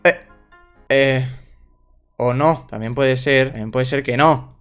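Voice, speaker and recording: A young man commentating his own game, excitable, bursting into shouts and repeating himself. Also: mid-range voice, normal speed, over music. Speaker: gaming YouTuber. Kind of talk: live gameplay commentary.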